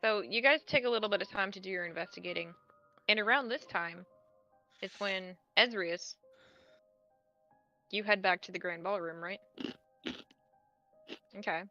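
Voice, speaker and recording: A woman's voice: medium pitch, moderate pace, pauses often, sharp tone, lo-fi sound, faint music behind. A woman game master narrating a tabletop game in a casual, conversational way.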